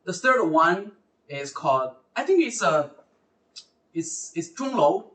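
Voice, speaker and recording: Male lecture host, slightly high voice, halting delivery with self-corrections, echoey and distant from the mic. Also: very animated, a bit bright. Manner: hesitant, with fillers and self-corrections. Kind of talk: presenting a live university recruitment lecture. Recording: roomy sound from far off the mic.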